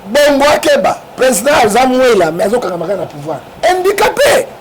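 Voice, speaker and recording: A man's voice: extremely high pitch, sing-song, brisk, a loud crowd. A Congolese man, a guest in an interview, talking politics with force in a Congolese French accent, often checking in with "hein?". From Democratic Republic of the Congo. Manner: emphatic, keeps asking "hein?" to prod the listener. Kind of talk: animated political talk. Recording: noisy background.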